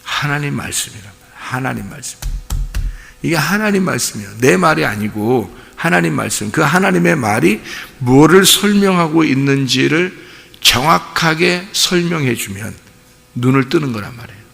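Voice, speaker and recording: A man's voice: fairly high pitch, expressive, moderate pace, creaky, fairly bright tone. A male pastor preaching a dawn sermon in an impassioned way, full of rhetorical questions, at times acting out pleading voices. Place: church sanctuary. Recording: long church reverb.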